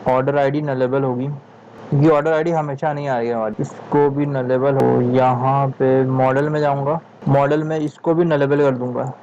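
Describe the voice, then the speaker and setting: A man teaching a coding tutorial at a slow, deliberate pace, thinking aloud and muttering to himself when stuck. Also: medium pitch, darkish tone, highs cut off, slight background noise. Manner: thinks aloud, frustrated muttering "yaar", frequent "theek hai"; speaks slowly on purpose. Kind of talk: screen-recorded coding tutorial.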